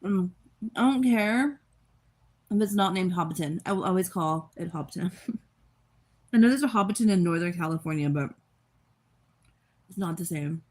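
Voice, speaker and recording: A woman's voice: fairly low pitch, expressive, moderate pace, pauses often. A young woman from Texas, just out of bed, chats on a livestream while eating. She rambles from one thought to the next and laughs often. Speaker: livestream host. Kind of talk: casual livestream chat.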